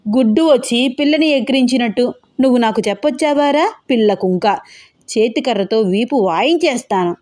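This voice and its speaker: A woman's voice: a little high, a little fast, a little mellow, lightly acted. A woman putting on a toothless grumpy old grandmother. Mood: scolding. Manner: scolding, whining, nagging.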